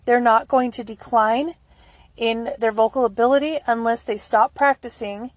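A woman's voice: on the high side, steady tone, normal speed, dry recording. A woman hosting a solo podcast, talking in an informal, rambling, casual way. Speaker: podcast host. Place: at home, recorded in a stairwell for the introduction.

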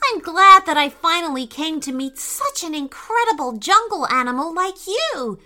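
A woman voicing a kind, eager young boy in a storybook, with a high, excitable voice. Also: slow, exaggerated voice. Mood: sweet, flattering.

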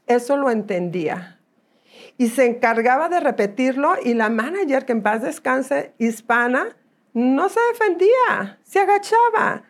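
Guest, Mexican woman, middle-aged, highish voice, animated storyteller. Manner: animated, acts out quoted voices. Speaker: interview guest. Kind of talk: conversational storytelling.

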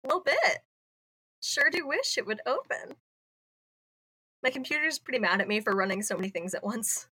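A woman's voice: fairly high pitch, lively intonation, moderate pace, long pauses, pushed and bright, breathy edge. A woman playing a tabletop game over a video call, eager and chatty. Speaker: player. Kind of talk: tabletop game play, casual chat.

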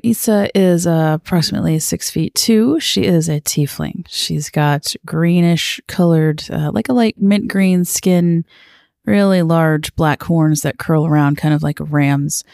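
Player with gravelly fry, dry teasing delivery, close dry recording. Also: medium pitch, takes it slowly, a little mellow, no echo. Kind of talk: tabletop game banter.

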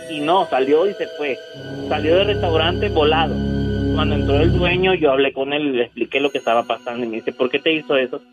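Male radio caller, animated storyteller, slightly high voice. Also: a little fast, lo-fi sound, soft background music. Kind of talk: telling a story on the phone to a radio show.

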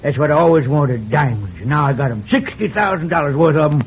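An actor playing a jovial, boastful old prospector with folksy, excitable talk in an old western radio drama. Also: male voice, on the high side, a little fast, slightly rough, exaggerated voice. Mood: gleeful, boastful. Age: older. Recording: muffled vintage radio recording, faint noise.

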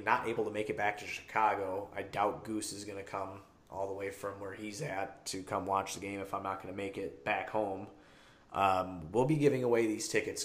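A man hosting a sports podcast in casual, rambling, profane chat, tired after drinking, recorded in a bathroom with heavy echo. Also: low-pitched. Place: small tiled bathroom.

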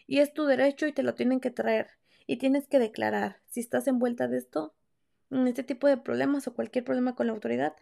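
High-voiced with vocal fry, a young female podcast host with a Mexican accent shares a personal story. Her chat is casual, candid, slangy and profane, and she performs the lines she quotes.

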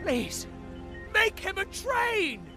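A man's voice: very high-pitched, wildly swooping pitch, drawn-out words, music in the background, heavily acted. A man voicing a devoted, unhinged railway boss in a cartoon, melodramatic and pleading. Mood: desperate insistence. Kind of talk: animated comedy acting.

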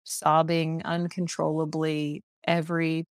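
A woman speaks low and fairly monotone, working through a personal story with pauses, restarts and fillers. Her voice sits close and dry on a podcast mic, with no room around it. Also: clear, resonant tone, no room sound. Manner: reflective, halting, many fillers and restarts. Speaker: podcast guest.

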